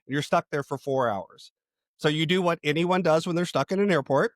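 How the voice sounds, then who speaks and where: A middle-aged man, a podcast host and coach, telling stories in a relaxed conversational interview and acting out quoted people. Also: on the high side, fairly quick, no room sound, clean studio sound. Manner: storytelling, animated voices for quoted people.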